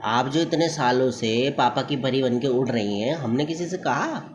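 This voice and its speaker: A man's voice: mid-range voice, normal speed. A comedian vlogger doing a comic rant, mocking and lecturing as he talks straight to women. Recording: slightly muffled with faint background noise.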